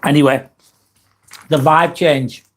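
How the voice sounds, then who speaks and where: A livestream vlogger from East Lancashire talks slowly in a voice on the high side, with fairly even intonation and background noise in the clip. He chats casually with a Lancashire accent, reading viewer comments, rambling, and often saying um or restarting.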